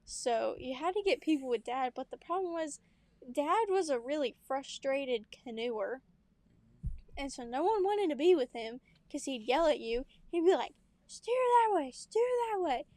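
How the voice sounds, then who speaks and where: Young woman, high voice, chatty storyteller, dry recording. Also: lively intonation, normal speed, a little mellow, dry recording. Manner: chatty storyteller, laughs often, acts out quotes. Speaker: podcast co-host. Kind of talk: casual sibling chat.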